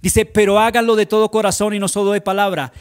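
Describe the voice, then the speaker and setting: Male pastor, high voice, preaching in church, rhetorical questions, shifts from loud to hushed. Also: flat delivery, fast talker, smooth. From Colombia. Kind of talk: sermon.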